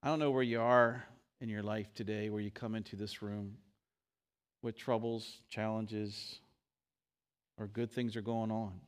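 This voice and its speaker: A man's voice: fairly low pitch, flat delivery, unhurried. A man preaching as pastor to a congregation, teaching a sung verse and leading prayer. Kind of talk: sermon.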